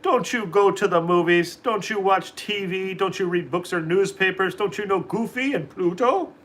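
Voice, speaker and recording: A man voicing a flustered, boastful cartoon duck with drawn-out exclamations. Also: high voice, fairly bright tone, voice pushed up.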